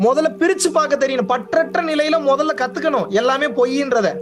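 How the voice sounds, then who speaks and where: A young man speaking as a spiritual teacher, explaining to his listeners with emphatic repetition and frequent questions. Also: very high voice. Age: young adult. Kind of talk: spiritual discourse to an audience.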